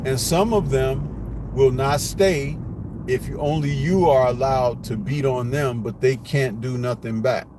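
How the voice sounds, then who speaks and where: A man hosts a live boxing commentary stream, blunt and rambling, firing off lots of rhetorical questions at an unhurried pace in a medium-pitched voice. The live stream is noisy, with street and car sounds in the background.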